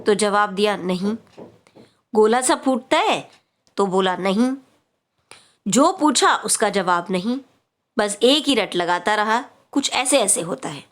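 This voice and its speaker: A woman's voice: medium pitch, expressive, takes it slowly, long pauses. A worried father of a sick boy, voiced by a woman teacher reading a play aloud. The lines come plainly and anxiously, with a touch of concern. It is simple classroom play-reading rather than full acting.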